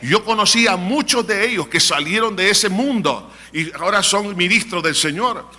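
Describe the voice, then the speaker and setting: A man's voice: sits high, expressive, normal speed, sharp tone, in a large hall. A man preaching a sermon as pastor, telling testimonies and exhorting the congregation. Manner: storytelling, quotes people in raised voices, exhorting.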